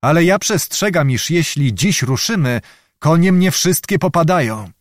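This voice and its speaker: A man's voice: on the high side, animated, normal speed, no room sound, studio quality, voice pushed up, lightly acted. A man reading a blunt young cavalry officer. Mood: cautious.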